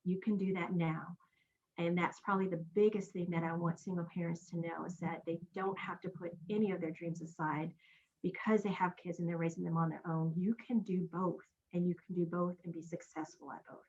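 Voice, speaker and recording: A woman's voice: on the low side, fairly even intonation, a little fast, a little mellow, highs cut off. A woman guest giving earnest, encouraging advice in an interview, with frequent ums. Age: adult with children. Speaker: guest, single-parent coach. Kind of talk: interview conversation.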